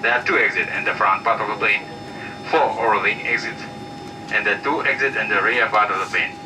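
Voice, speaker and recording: A male flight attendant reading formal safety announcements over a plane's cabin loudspeaker. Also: moderate pace. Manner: formal, recited delivery. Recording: distant cabin speaker with engine rumble.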